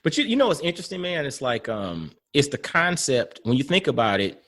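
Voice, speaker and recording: A male podcast host speaks reflectively, grows animated as he makes his points, and murmurs agreement while his guest talks. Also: medium pitch, brisk. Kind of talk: casual conversation.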